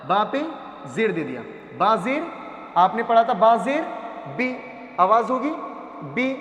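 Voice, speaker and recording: A high-pitched male teacher gives a patient reading lesson, stretching out each letter sound as he models it and frequently pausing to make sure his students are following. He sounds animated and a bit bright, and the roomy space around him adds a long, echoing reverb.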